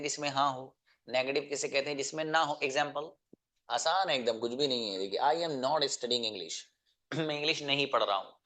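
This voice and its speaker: A man's voice: medium pitch, sharp tone. A male teacher gives an online lesson. He explains each point patiently, repeats it, and keeps putting questions to the class. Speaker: English teacher.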